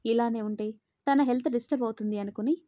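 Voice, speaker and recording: A woman narrating a story in a steady, even way. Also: a little high, fast, no echo.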